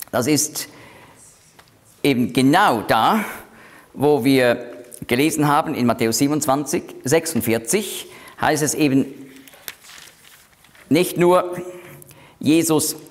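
A man leading a Bible study, explaining verses slowly and deliberately, with frequent hesitations. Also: mid-range voice.

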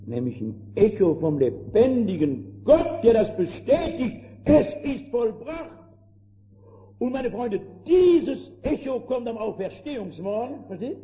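An older man preaches fervently, his voice sitting a little high yet very dark and mellow. He drops to hushed tones and rises to emphatic calls to his friends. The old recording is dull and lo-fi with a faint hiss underneath. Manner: fervent, addresses listeners as friends, swings between hushed and emphatic. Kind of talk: sermon.

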